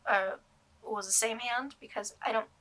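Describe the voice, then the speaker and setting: A woman's voice: a little high, steady tone, normal speed, bright, forceful tone. A young woman doll collector talking casually to camera, rambling with many ums and restarts. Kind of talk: casual vlog review.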